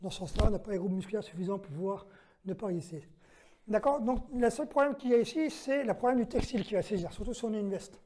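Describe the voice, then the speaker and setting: A man's voice: sits high, fast talker, warm tone, slight background noise. A man instructing self-defense who walks through each move step by step, counts out the moves and gives short commands to a training partner. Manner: methodical, counts out moves and checks in with "d'accord?". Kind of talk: demonstration lesson.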